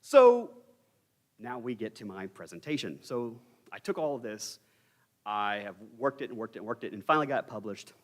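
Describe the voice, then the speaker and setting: A man's voice: mid-range voice, very animated, normal speed. A young man teaching an informal Bible study lecture in a church, candid and conversational with wry asides.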